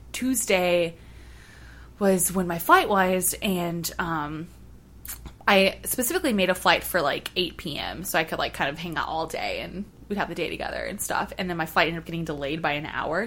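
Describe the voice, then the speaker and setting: A woman guest on a chat podcast, telling a story in an animated way with many fillers and frequent laughs. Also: fairly low pitch. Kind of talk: casual chat.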